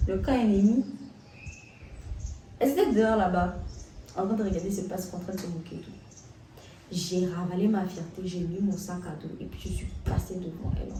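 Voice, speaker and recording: A young woman telling a story in a casual, animated way, full of slang and restarts, as a vlogger. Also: mid-range voice, recorded from a distance, a little hiss or hum. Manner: animated, excitable retelling with slang. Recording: roomy echo, set back from the mic.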